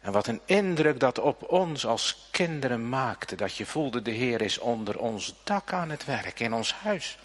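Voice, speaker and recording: A man's voice: mid-range voice, sing-song, a little slow, few pauses. A middle-aged man preaching a sermon, earnest and emphatic, speaking directly to his congregation with repeated phrases and tag questions. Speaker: pastor.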